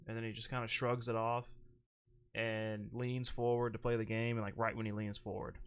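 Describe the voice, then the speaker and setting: A man's voice: lowish voice, flat delivery, moderate pace, smooth. A man co-hosting a podcast, chatting casually about a film and rambling through scene retellings with lots of fillers. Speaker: podcast co-host. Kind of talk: casual chat about movies.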